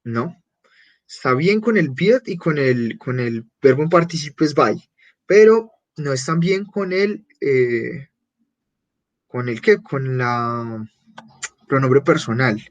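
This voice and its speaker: Slow, patient man teaching German. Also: medium pitch, expressive, dull audio. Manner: patient, repeats German phrases slowly and clearly. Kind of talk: beginner language class.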